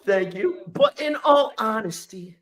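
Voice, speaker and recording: High-voiced man roasting with crude insults. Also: big pitch swings, measured pace, fairly bright tone. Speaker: podcast host. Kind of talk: profane comedic roast.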